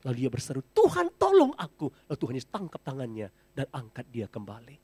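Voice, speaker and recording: Husky-voiced male pastor preaching. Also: medium pitch, fast talker, dry recording. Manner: addresses the congregation as brothers and sisters, drops to a soft close. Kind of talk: sermon. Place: church.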